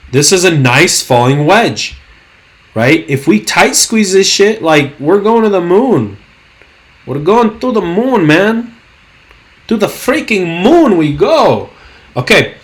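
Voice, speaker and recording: A young trading-channel host with a fairly high but hoarse, worn-out voice, clearly losing it, rambles through stock charts during a casual screen-share. His market commentary is hyped and slangy, packed with fillers.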